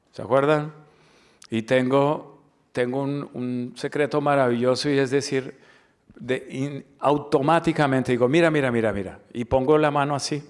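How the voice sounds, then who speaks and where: With a clear, resonant mid-range voice, a Dominican man delivers a webinar lecture for corporate training. His style is emphatic, leaning on rhetorical questions and repeated key words.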